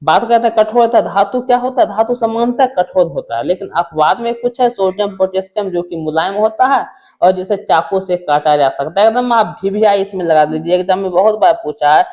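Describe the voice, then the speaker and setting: Male teacher, high voice, quizzing style lesson, dull lo-fi recording. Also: brisk, a little mellow. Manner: asks questions and answers them himself. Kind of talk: exam-prep chemistry lesson.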